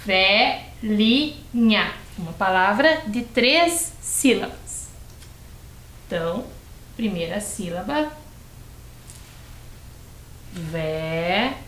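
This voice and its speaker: Slow, patient Brazilian teacher woman. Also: mid-range voice, animated, a bit bright, roomy sound, slight background noise, poor audio. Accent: Brazilian Portuguese. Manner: stretches words and syllables, patient and encouraging. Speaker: primary school teacher. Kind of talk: slow, clearly spelled-out lesson for young children.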